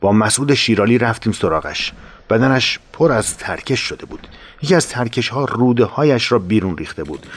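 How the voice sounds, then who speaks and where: A man reading a first-person war memoir aloud, grave and steady with dramatic emphasis. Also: medium pitch, slightly rough. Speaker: memoir narrator.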